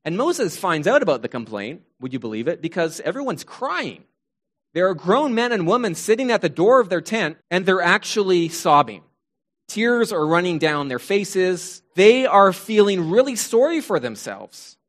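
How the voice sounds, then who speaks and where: A man preaching a sermon retells a Bible story with wry jokes and modern asides. His voice sits a little high for a man. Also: big pitch swings, normal speed, a bit bright.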